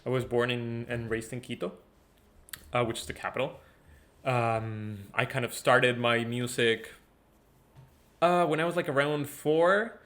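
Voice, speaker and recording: A man's voice: medium pitch, unhurried, long pauses. Young guy from ecuador, laid-back chatty guest, lots of ums and repeats. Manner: relaxed, chatty, frequent fillers and repeats. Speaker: guest musician. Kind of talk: casual interview talk.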